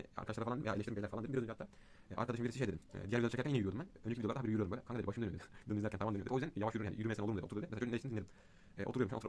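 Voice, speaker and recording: A young man vlogs in a fast, loose ramble, his voice sitting a little low. He stumbles through fillers and restarts, venting like a frustrated student. A faint hiss of noise sits under the recording. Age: young adult. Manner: rapid rambling with many fillers; agitated ranting. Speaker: vlogger. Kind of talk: casual vlog talk. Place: outdoors in cold wind.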